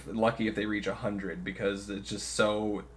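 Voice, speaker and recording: A young man with a slightly low voice chats on a podcast as co-host. His talk is loose and laid-back, peppered with swearing and laughter. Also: little pitch movement, a little slow. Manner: loose, profane, laughs often. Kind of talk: casual chat.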